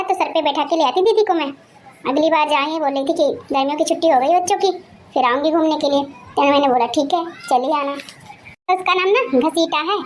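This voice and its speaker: A cartoon grandmother in her later years, voiced by a woman, bossy and forever grumbling about her aching head and thirst. The voice sits very high and thin, with a faint hiss of noise behind it. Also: close to an everyday voice. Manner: scolding, complaining, chatty. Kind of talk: cartoon character voice.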